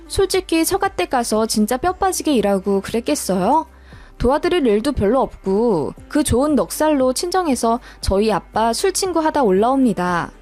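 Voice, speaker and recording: A woman reading a first-person story aloud in a calm, matter-of-fact storytelling manner. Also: fairly high pitch. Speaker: story narrator.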